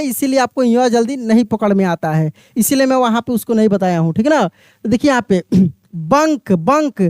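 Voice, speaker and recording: A man teaching a beginners' reading lesson, explaining slowly, repeating each word and putting questions to the listener. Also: very high voice, no room sound, studio quality. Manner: addresses the viewer as my friend.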